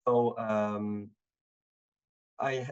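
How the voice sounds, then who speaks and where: A man in his thirties from Belgium, giving a relaxed talk over a video call, with many fillers and restarts. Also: fairly low pitch, drawn-out words, clear, resonant tone, lo-fi sound. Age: 30s. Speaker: guest speaker.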